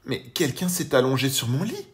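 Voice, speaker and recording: A man voicing a gentle mother bear in a children's storybook, with a soft, slightly raised voice. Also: medium pitch, very animated, normal speed, a little hiss or hum, voice pushed up, close to an everyday voice. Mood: surprised.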